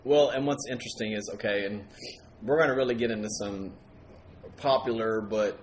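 A man's voice: fairly low pitch, a little fast. A man in casual conversation, hosting a ghost-hunting talk show. He rambles in a chatty way, often correcting himself mid-sentence. A faint hum sits under his voice. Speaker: paranormal podcast host. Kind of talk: casual chat.

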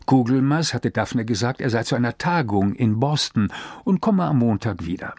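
A man narrating a literary story with a husky, breathy voice and a very lively pitch. He reads into a close mic with a dry, unechoing sound. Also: moderate pace, dry recording. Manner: expressive storytelling. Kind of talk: literary reading.

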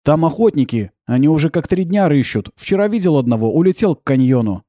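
A man voicing a calm, laconic male driver in an audiobook, answering slowly and flatly. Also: on the high side, dry recording, clean studio sound, lightly acted. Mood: calm, matter-of-fact. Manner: calm, slow, unhurried replies.

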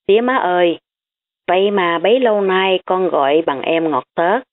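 Woman reading a blunt, teasing schoolgirl; low voice, phone-like sound. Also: moderate pace, close to an everyday voice. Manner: frank and teasing. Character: blunt, teasing, hungry female student. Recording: tinny phone-like audio.

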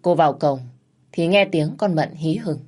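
A woman narrating a dramatic family story in a steady, measured way. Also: low-pitched.

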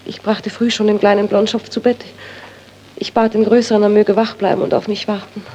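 An actress playing a grieving widow tormented by guilt, earnest and sorrowful, in 1930s radio-drama acting. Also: female voice, mid-range voice, little pitch movement, a little fast, mellow, muffled recording, a little hiss or hum, lightly acted. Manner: earnest, sorrowful, turns to anguished pleading. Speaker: doctor's friend's widow.

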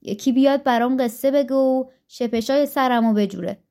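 A woman voicing an ugly, hungry male div demon who makes slow, drawn-out, bossy demands in a spoken storybook tale. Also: sits high, warm tone. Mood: demanding.

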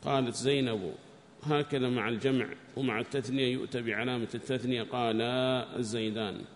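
A man giving a lesson on classical grammar and Quran readings, reading quoted passages louder and higher, then explaining them more quietly. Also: steady tone, brisk. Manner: raises pitch and volume to read quoted text, drops to explain. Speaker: teacher. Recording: reverberant room with faint background noise.

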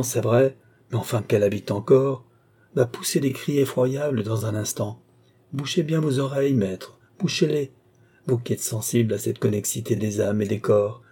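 A man's voice: mid-range voice, mellow, husky. A man voicing a sardonic, scornful male surgeon in an audiobook, speaking in a mocking, argumentative way. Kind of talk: audiobook character voice.

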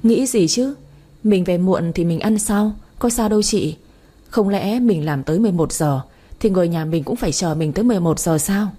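A woman's voice: lowish voice, normal speed, mellow, slightly rough. A woman voicing a blunt young woman who argues sharply and impatiently. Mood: arguing.

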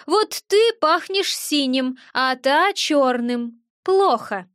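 A woman's voice: high-pitched, expressive, slow pace, a bit bright, dry recording, clean studio sound, full character voice. Woman voicing a cheeky, grumbling little sprite. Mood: sulky. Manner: rude, rustic slangy grumbling. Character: grumpy little eared winged male sprite.

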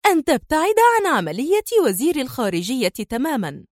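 A woman voicing a scheming female enemy agent in an audiobook, speaking in a sharp, mocking, defiant way. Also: a little high, very animated, moderate pace, no echo, studio quality. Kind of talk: audiobook character voice.

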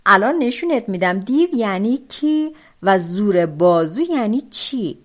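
A woman's voice: mid-range voice, big pitch swings. A woman voicing a huge, boastful male demon who bellows threats in a storybook tale.

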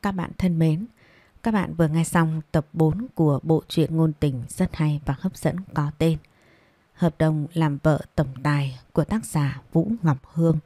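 A woman narrating a romance audiobook in a steady, measured reading. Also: low voice, no echo. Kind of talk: storybook narration.

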